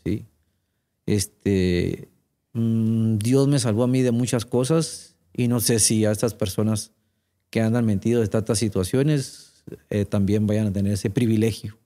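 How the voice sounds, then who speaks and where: A man's voice: lowish voice, steady tone, unhurried, warm tone. A man giving an earnest personal faith testimony in conversation, retelling talks he had with others.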